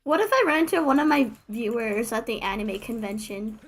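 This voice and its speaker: Speaking a little fast and a little high with lively intonation, a woman streams a game live as a VTuber. Her chat is casual and meandering, full of jokes and self-mockery.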